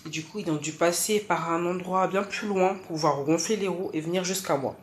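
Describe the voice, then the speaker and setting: A woman's voice: on the low side, fairly quick, slight background noise. A woman narrating a personal story in casual slang, chatty and full of fillers, hosting her own channel. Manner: slangy, chatty, acts out dialogue.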